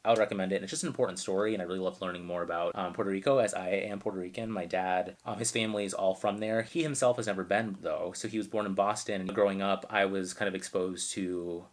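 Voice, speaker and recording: A man's voice: low voice, steady tone, fast, hardly any pauses. A man from Arizona reviewing books in a casual, chatty way, full of asides and "like". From Arizona, United States. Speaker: book reviewer.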